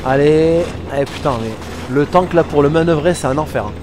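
A man giving casual, excitable commentary while playing a war game, swearing and talking back to the game. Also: a little high, a little fast. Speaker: let's play gamer. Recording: game music under voice.

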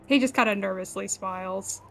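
A woman's voice: mid-range voice, fairly quick, creaky. A woman playing a tabletop game, giggly and hesitant. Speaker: player.

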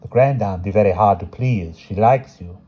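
A gentle, respectful young woman, as a man puts her on in an audiobook reading, soft-spoken and apologetic, reproving others only mildly. The voice sits a little above the reader's own deep, husky tone. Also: normal speed, dull audio.

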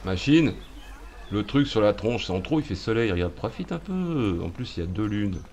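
Sarcastic low-voiced let's-play host. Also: male voice, big pitch swings, normal speed, darkish tone, lo-fi sound. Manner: jokey, sarcastic, muttering asides. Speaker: gaming video host.

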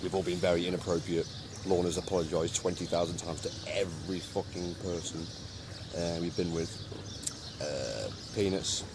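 A man's voice: sits low, steady tone, moderate pace. A young man filming a holiday vlog with friends, rambling and joking with plenty of swearing. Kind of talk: casual chat to camera. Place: holiday resort outdoors, later a car. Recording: noisy outdoor camera audio.

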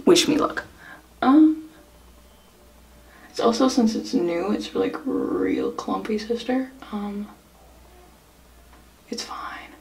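A woman's voice: medium pitch, wildly swooping pitch, slow pace, gravelly, long pauses, darkish tone. A young woman from Ireland chatting casually in a makeup vlog, rambling and self-deprecating with frequent giggles. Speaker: vlogger.

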